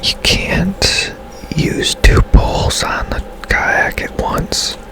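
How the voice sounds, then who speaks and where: A gaming channel host whispers the whole time in a breathy, unvoiced voice. His ASMR gameplay commentary is casual and halting, delivered at a very slow, unhurried pace.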